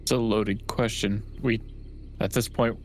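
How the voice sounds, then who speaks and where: A man's voice: on the low side, fairly even intonation, a little slow, slight background noise. A man chatting casually as a player in a tabletop game.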